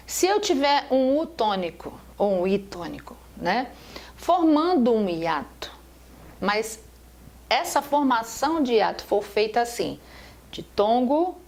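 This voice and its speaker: Her voice is fairly high yet darkish in tone. She's a Portuguese teacher delivering a recorded slide-based grammar lesson, moving step by step and answering questions she raises herself.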